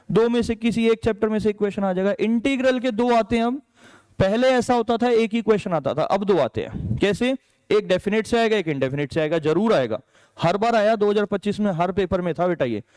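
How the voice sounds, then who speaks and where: A man's voice: high-pitched, a little mellow, clean tone. A male maths teacher from India giving an exam strategy lesson, chatty, checking in with students as he goes and mixing English subject terms into Hindi. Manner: chatty, checks in with "ठीक है", calls students "बेटा".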